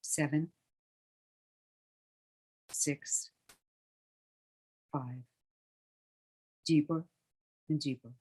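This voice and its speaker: Recorded with poor audio, a calm meditation guide eases listeners into deep relaxation. The middle-pitched voice is slow, hushed and soothing, fading nearly to quiet at the ends of phrases.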